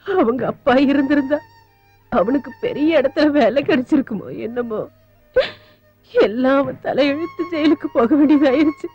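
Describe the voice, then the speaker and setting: A grieving woman of the household laments in a high, sorrowful voice. The dubbed track is slightly dull, with soft music underneath. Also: expressive, moderate pace.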